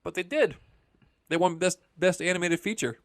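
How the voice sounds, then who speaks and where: A man hosting a podcast in casual chat, relaxed and joking, sometimes hesitant. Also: high-pitched, moderate pace, dry recording, clean studio sound. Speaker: podcast host.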